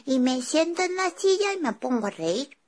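A woman's voice: sits high, very animated, normal speed. A woman playing Lío, a chatty little boy. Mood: eager. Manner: eager, breathless retelling with stammered restarts. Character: young boy, cheerful and chatty. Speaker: child character telling a story. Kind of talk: children's show storytelling.

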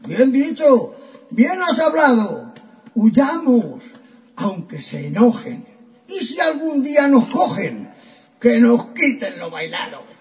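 A man voicing a dramatic lovelorn young suitor, mock-heroic, slow, high-pitched. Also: very animated, darkish tone, far from the mic, heavily acted. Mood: declaiming. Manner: grandiloquent mock-heroic verse.

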